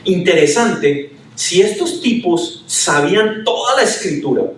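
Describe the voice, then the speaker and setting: Male pastor giving a sermon, kinda high voice, echoey room, mic a bit far off. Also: animated, a little slow. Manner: conversational preaching with rhetorical questions.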